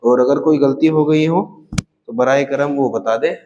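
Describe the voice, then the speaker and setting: Male language tutor, very slow and deliberate, drills sounds one by one, mid-pitched. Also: darkish tone, lo-fi sound, slight background noise. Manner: drills each sound, repeats it and asks it back. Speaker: Urdu reading teacher. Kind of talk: slow, patient letter-by-letter lesson.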